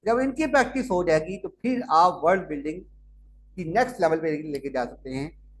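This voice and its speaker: A man lectures teachers on how to teach reading. He explains in a measured, repetitive way and stops to correct himself. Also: fairly high pitch, slight background noise. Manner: explanatory, repeats steps, corrects himself with "sorry". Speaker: teacher trainer.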